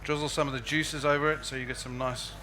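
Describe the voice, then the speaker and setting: A South African chef chats informally while giving a live cooking demonstration, his s whistling because of a false tooth. He talks fast in a flat, sharp, medium-pitched voice, and the live event carries clear background noise.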